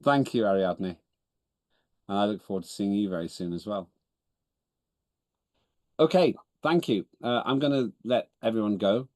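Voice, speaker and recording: This Estonian-native man chairs a parliamentary meeting online via video call, his voice on the low side and a little mellow, with no echo. He keeps a normal speed but leaves long pauses, staying businesslike and wry as he frequently corrects himself.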